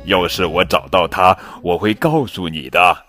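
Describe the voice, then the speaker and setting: A man voicing a protective father tiger speaking gravely. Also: deep voice, normal speed, bright, forceful tone, faint music behind. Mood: serious.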